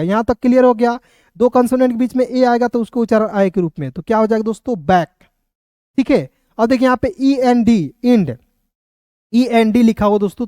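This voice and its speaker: A male teacher runs an online phonics lesson, spelling words letter by letter and treating viewers as friends while asking and answering his own questions. His voice is very high-pitched with a dark tone, recorded dry.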